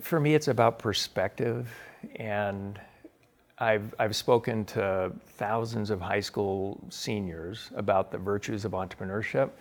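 A middle-aged man, a guest author, answering interview questions in an earnest, enthusiastic way with frequent restarts. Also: lowish voice.

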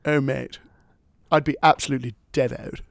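A man's voice: high voice, wildly swooping pitch, drawn-out words, slight background noise, pitched above the performer's own voice, exaggerated voice. A man putting on the voice of a boastful, posh young British party lad, brash and showy.

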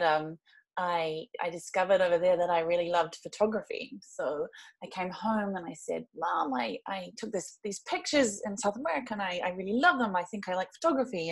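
A young adult woman from New Zealand, a guest on a podcast. She tells her story in a friendly, casual way. Her voice is a little low.

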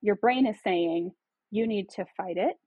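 A woman's voice: mid-range voice, a little slow, mellow, slightly rough, no echo, low-quality recording. A woman guest on a podcast, explaining things in a reflective, conversational way. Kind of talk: casual conversation.

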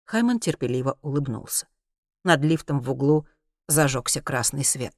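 A man narrating a science fiction audiobook in a steady, even storytelling voice. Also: medium pitch, moderate pace, no echo, clean studio sound.

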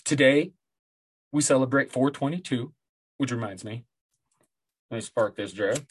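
A middle-aged man with a husky smoker's rasp, chatting casually and rambling solo as a podcast host in a laid-back, sweary way. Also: mid-range voice, measured pace, dry recording.

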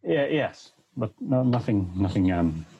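A man's voice: fairly low pitch, lively intonation, measured pace, gravelly, mellow, muffled recording. A man playing a shell-shocked war veteran in a tabletop game, hollow and war-weary, stammering anxiously and evasively. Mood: shaken, evasive.

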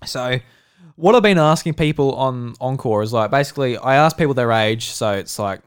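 A man's voice: mid-range voice, smooth. A man in his twenties with an Australian accent, hosting a casual podcast chat, joking and teasing his co-host. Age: 20s. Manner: jokey and teasing, fast asides.

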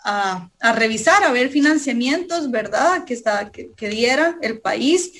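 A woman's voice: fairly high pitch, animated, a little slow, a bit bright. A young woman, a guest entrepreneur on a radio interview, telling her story animatedly and tagging her sentences with "¿verdad?". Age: young adult.

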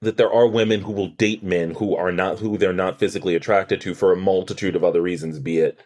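Speaking fast in a low-pitched, darkish voice with fairly even intonation, a man co-hosts a podcast. His casual TV episode recap is chatty and analytical, peppered with restarts and lines quoted from the show.

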